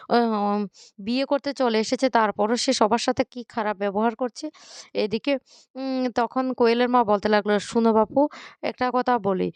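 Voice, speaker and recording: A woman casually retelling episodes of a television serial, voicing the characters' lines in her own voice, with frequent pauses and restarts. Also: medium pitch, darkish tone, clean tone, dry recording. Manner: hesitant, with frequent fillers and restarts. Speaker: vlogger recapping a TV serial. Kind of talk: casual storytelling recap.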